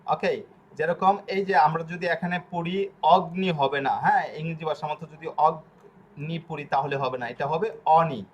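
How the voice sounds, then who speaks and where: A man with a fairly high-pitched voice teaches a language class. He goes over each point slowly and repeats it, often pausing on fillers. A faint ambient hiss sits under the recording. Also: steady tone, dull audio. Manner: slow, repetitive explaining with frequent fillers. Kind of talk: online class lesson.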